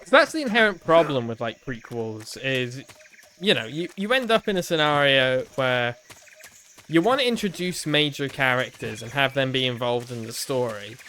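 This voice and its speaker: A man's voice: fairly high pitch, sharp tone, a little hiss or hum. A man giving playful, informal commentary while playing a video game. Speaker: gamer hosting a playthrough.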